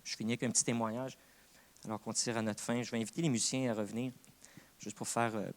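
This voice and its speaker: A man's voice: medium pitch, steady tone, fast. A man with a Québécois French accent, preaching a sermon as co-pastor in an earnest, conversational way. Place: church.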